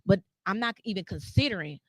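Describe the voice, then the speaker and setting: A woman guest on a podcast speaks casually and with animation, slipping into quoted voices as she tells stories. Her voice sits mid-range in pitch. The sound is dry and close. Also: animated, a little fast, no echo.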